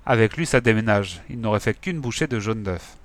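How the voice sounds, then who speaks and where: A man reading a children's story aloud in a lively, expressive way. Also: on the low side, a little fast, no echo. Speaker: storybook reader.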